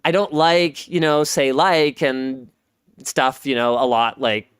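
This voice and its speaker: A man's voice: mid-range voice, fairly even intonation, takes it slowly, a bit bright, smooth, dry recording, studio quality. A man in his thirties from Canada, hosting a casual podcast, who rambles and repeats himself as he talks. He says he has a Pacific Northwest way of speaking. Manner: rambling, self-interrupting, repeats words. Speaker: podcast host.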